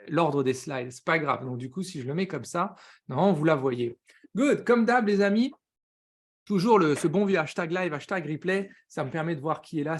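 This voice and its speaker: French guy hosting a live coaching stream, talks super fast and hyped, lots of slang. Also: on the high side. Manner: fast, excitable, greets viewers by name, slangy.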